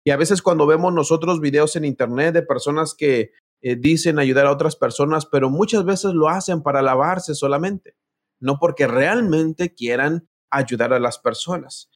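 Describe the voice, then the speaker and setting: A man's voice: a little high, normal speed. A man preaching a sermon, telling a personal story, reading scripture aloud and speaking directly to his listeners.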